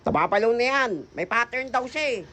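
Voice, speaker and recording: A woman narrating a comedy skit in a loud, excitable way, often shrieking and joking. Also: fairly high pitch, brisk.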